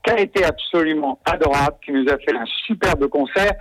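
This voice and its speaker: A man's voice: fairly high pitch, fairly quick, dry recording, low-quality recording. A man from Normandy, a festival organizer, talking enthusiastically in a radio interview with many hesitations. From Normandy, France. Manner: enthusiastic, warm about musicians, frequent hesitations.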